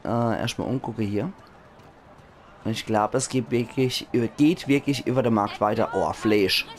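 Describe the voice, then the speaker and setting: A hoarse man with a Palatinate German accent, chatting enthusiastically as he comments on a video game. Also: fairly low pitch, measured pace, a little hiss or hum. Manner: chatty, enthusiastic, laughs often. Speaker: let's play host. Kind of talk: casual gaming commentary.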